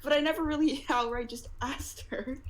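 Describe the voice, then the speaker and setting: A woman's voice: high voice, steady tone, moderate pace, crowd noise. A teenage girl on a casual podcast, passing on gossip in a chatty way and giggling. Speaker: podcast co-host. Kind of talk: casual chat.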